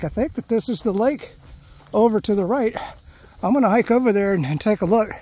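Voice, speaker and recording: A man's voice: sits high, darkish tone. A man narrating his hike in a casual, rambling vlog, thinking aloud as he walks and filling his talk with "you know.". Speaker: hiking vlogger. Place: outdoors on a grassy trail through palm scrub.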